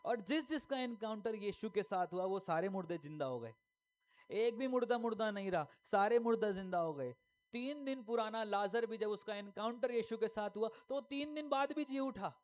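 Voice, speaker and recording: A man's voice: high-pitched, expressive, moderate pace, a little hiss or hum. A male pastor preaching a sermon emphatically, firing rhetorical questions and repeating key lines.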